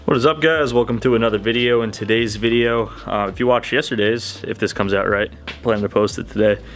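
A man's voice: mid-range voice, fairly even intonation, brisk, a bit bright, faint music behind. Casual young man working on a car. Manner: casual, profane, talks to camera. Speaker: channel host. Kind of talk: casual car-repair vlog. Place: outdoors on a street beside a car.

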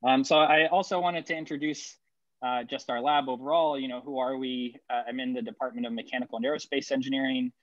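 A man's voice: mid-range voice, steady tone, quick pace, fairly bright tone, no echo, lo-fi sound. A man from El Salvador who grew up in Ohio, giving a conference talk over a video call, with many fillers and repeated words. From El Salvador, raised in Ohio. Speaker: engineering professor presenting research.

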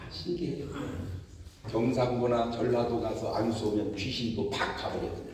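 A male pastor preaching a humorous revival sermon, telling lively stories and mimicking other people's voices. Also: medium pitch. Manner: animated storytelling with mimicked voices and laughter. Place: large church hall. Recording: echoey church hall, picked up from far off.

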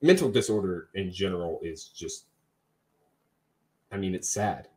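A man's voice: low-pitched, lively intonation, measured pace, a little mellow. A young man co-hosting a casual film review podcast, rambling and chatty. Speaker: podcast co-host.

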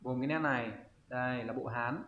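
Man teaching, roomy sound. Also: mid-range voice. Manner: thinks aloud, pauses to search for words. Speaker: Japanese teacher. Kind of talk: online kanji lesson. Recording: roomy, slightly dull audio.

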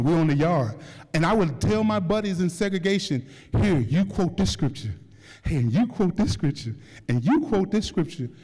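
Animated older man, high lively voice. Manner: animated, laughing, joking with the audience. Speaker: keynote speaker. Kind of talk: storytelling keynote talk. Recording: echoey hall reverb.

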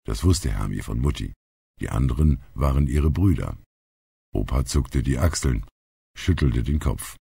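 A man narrating an audiobook with calm storytelling and very deep, gravelly pitch. His tone is dark and husky, with a lively melody, recorded close and completely dry. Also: measured pace. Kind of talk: scripted narration.

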